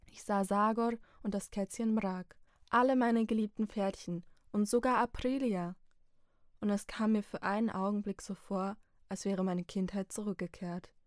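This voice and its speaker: A woman's voice: mid-range voice, steady tone, no room sound. Woman reading a story, dry studio sound. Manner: measured, reflective storytelling. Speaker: audiobook narrator. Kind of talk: scripted first-person narration.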